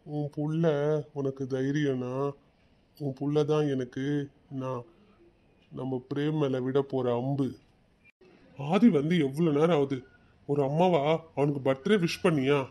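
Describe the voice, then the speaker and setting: A man's voice: fairly high pitch, fairly even intonation, takes it slowly, long pauses, warm tone. A man voicing a supportive adult friend in a cartoon, speaking in a reassuring way. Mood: cheerful. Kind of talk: cartoon voice acting.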